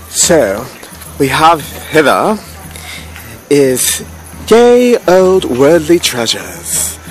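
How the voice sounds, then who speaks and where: A flamboyant man talks in courtly, mock-archaic Renaissance fair speech, playing up a theatrical persona. His voice is fairly high and very lively, and he takes his time over the phrases. Faint music plays behind him outdoors. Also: low-quality recording. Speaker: tarot reader at a Renaissance fair, vlog host. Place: outdoors at a fairground lane with stalls. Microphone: handheld phone at arm's length.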